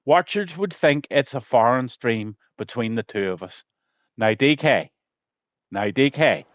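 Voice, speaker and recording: A man's voice: mid-range voice, expressive, a little slow, no room sound, dull audio. A man with an Irish accent giving live sim racing commentary from his room at home, chatty and joking with viewers. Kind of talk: live race commentary and chat banter.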